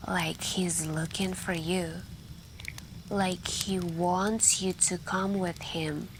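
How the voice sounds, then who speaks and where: Playing a friend telling campfire stories, an ASMR roleplay performer shares scary tales in a soft, somewhat low voice, hushed and intimate, pausing and slipping into whispers. Crackling campfire and night sounds run steadily in the background.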